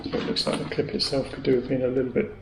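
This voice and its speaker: A British man who reviews motorcycle gear gives a casual, hands-on product demo at home, chatty and matter-of-fact as he thinks aloud while working. His mid-range voice is completely flat and racing, with vocal fry. The echoey room carries faint clicks and noise.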